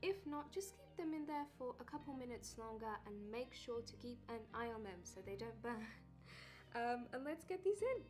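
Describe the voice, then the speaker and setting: A bubbly woman with a fairly high voice hosts a casual baking vlog from her home kitchen. She chats warmly and excitedly to viewers while she cooks, with soft music playing faintly behind her. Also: a little fast, hardly any pauses. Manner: bubbly, enthusiastic, chatty. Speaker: baking channel host.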